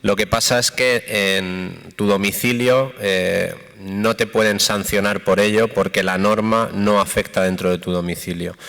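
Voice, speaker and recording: A man on a conference panel explaining things in a measured way, with hesitant fillers. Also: lowish voice, a bit bright. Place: conference hall. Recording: long hall reverb.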